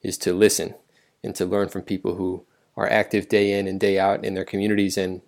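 A man interviewing a guest, earnest and even-toned. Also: low voice, fairly quick. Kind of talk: interview questions.

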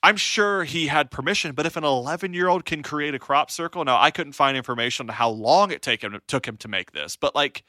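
A man's voice: a little high, animated, brisk, hardly any pauses, bright, forceful tone, dry recording, clean studio sound. A man co-hosting a casual podcast, rambling with fillers and restarts as he builds a theory. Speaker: podcast co-host.

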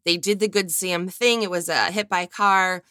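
Bright-voiced American woman with vocal fry. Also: on the low side, fairly even intonation, moderate pace, no room sound, clean studio sound. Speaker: podcast co-host, veterinary technician. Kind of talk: casual podcast chat.

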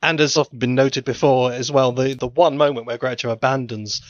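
A man co-hosts a casual podcast in a wry, self-deprecating, halting way. His mic sounds completely dry and a bit muffled. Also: medium pitch, steady tone, no room sound. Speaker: podcast co-host.

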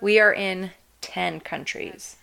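Bright-voiced woman podcast co-host. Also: lowish voice, slow, creaky. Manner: chatty, laughs often, swears freely. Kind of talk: casual podcast chat.

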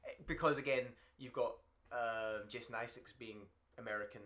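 A man's voice: mid-range voice, fairly even intonation, moderate pace, pushed and bright. A man hosting a casual podcast chat, rambling with fillers and frequent laughs. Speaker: podcast host.

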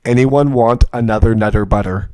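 A man's voice: mid-range voice, normal speed, dark tone, low-quality recording. A man co-hosting a casual podcast chat, joking with goofy wordplay. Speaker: podcast co-host.

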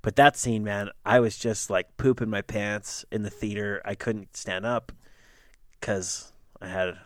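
A young adult man chatting casually as a podcast co-host, excitable and quick to laugh, his voice jumping up when he gets enthused. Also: fairly low pitch, no room sound, clean studio sound. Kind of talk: casual chat.

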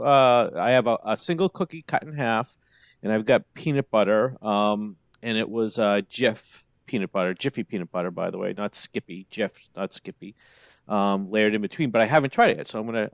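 Halting man in casual chat, dry sound. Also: fairly low pitch, no room sound. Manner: halting, full of fillers and restarts. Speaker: co-host.

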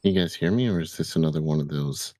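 Low-pitched man, close dry sound. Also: fast talker, dark tone, no echo. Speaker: podcast co-host. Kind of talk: casual discussion.

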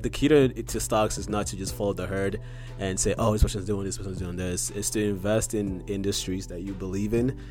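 A man co-hosting a podcast, chatting casually about money and investing, with lots of "um" and "like". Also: deep voice. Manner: relaxed, filler-heavy talk about investing. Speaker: podcast co-host.

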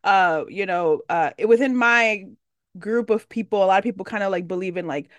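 A woman's voice: medium pitch, moderate pace, dry recording. A woman from the Dominican Republic hosting a faith podcast, effusive and full of fillers, reacting with lots of wows. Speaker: podcast host. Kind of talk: casual faith podcast conversation.

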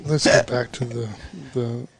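A man's voice: medium pitch, little pitch movement, measured pace. A man with a Southern US accent co-hosting a casual podcast, upbeat, often restarting his sentences. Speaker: podcast co-host.

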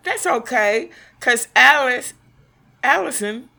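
Slow, bright-voiced woman co-host. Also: sits high, animated, creaky. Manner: reactive, teasing, exclamatory. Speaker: podcast co-host. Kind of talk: casual chat.

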